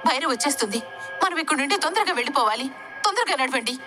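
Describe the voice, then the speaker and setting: A woman's voice: mid-range voice, over music, lightly acted. A woman voicing a frightened young man urging others to hurry, in a read-aloud story. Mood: alarmed. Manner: hurried, alarmed. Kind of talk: audiobook story reading.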